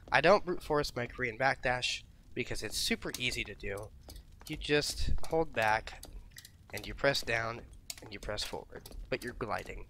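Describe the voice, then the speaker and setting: A man's voice: mid-range voice, creaky, fairly bright tone, slight background noise. A man giving a casual, laid-back fighting game tutorial, swearing freely and repeating himself as he explains inputs.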